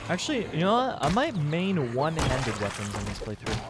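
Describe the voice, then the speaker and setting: A man's voice: fairly high pitch, wildly swooping pitch, a little fast, loud music behind the voice. A man streaming a game, chatting casually to viewers and exclaiming over the items he finds. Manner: chatty, exclaims at found items, teases chat. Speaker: livestreamer. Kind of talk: casual gameplay commentary.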